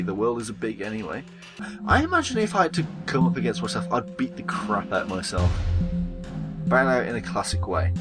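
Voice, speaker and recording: Speaking at a medium pitch, this male gaming host performs the lines of a visual novel with theatrical flair, voicing each character himself. Between lines he drops in relaxed, offhand remarks.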